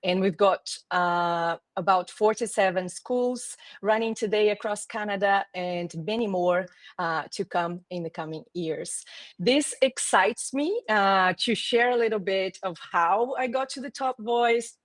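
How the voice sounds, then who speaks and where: A woman in her forties with a Brazilian Portuguese accent talks earnestly over a video call, pausing and restarting as she gathers her thoughts. Her voice sits at an ordinary middle pitch, and the sound is close and dry. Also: dry recording. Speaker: guest, marketing executive. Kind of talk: conversational interview.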